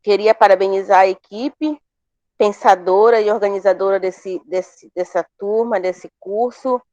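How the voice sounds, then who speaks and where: A woman's voice: mid-range voice, fairly even intonation, measured pace, darkish tone, no room sound, muffled recording. A woman from Pará, a family farmer introducing herself in an online class, speaking earnestly and hopefully and often repeating words. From Pará, Brazil. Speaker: course participant, family farmer.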